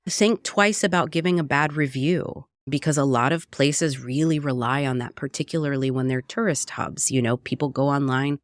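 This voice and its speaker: Speaking at normal speed with few pauses, a bass-voiced Puerto Rican woman, a cookbook author and radio producer, reflects earnestly in a conversational interview and keeps tagging on "right?". The recording is dry and clean, from a studio.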